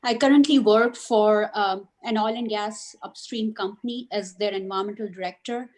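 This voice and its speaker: Woman from India, medium pitch, introducing herself to a group over a video call. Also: fairly even intonation, moderate pace, a little mellow. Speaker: call participant.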